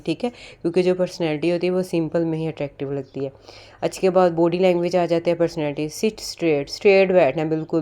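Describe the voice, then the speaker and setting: A woman's voice: low voice, mellow. A woman giving a casual spoken lesson on interview preparation, explaining step by step and mixing in English terms. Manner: explains step by step, often repeats "ठीक है"; mixes English terms into Urdu. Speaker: interview prep tutor.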